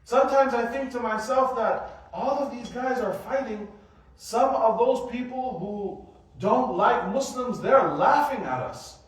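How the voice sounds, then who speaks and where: High-voiced man preaching in an echoey hall. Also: unhurried, far from the mic. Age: 40s. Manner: animated, asks rhetorical questions. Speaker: mosque teacher giving a weekly study circle. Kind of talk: sermon-style lecture. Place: mosque prayer hall.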